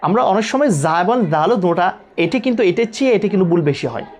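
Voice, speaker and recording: A man teaching Quran recitation, drilling letter sounds slowly and repeating each one many times. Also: high-pitched, lively intonation, a little mellow.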